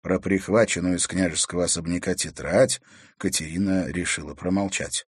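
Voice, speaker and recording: A man narrating a novel as an audiobook in a measured storytelling manner. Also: sits low, fairly even intonation, breathy edge, no room sound, clean studio sound. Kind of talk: scripted narration.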